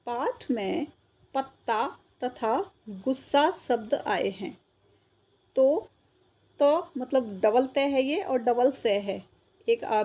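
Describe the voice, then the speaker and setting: Woman teacher, patient and repetitive, higher pitch, slightly husky. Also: mellow. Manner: patient, repeats words and checks understanding. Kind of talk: explaining a school textbook exercise.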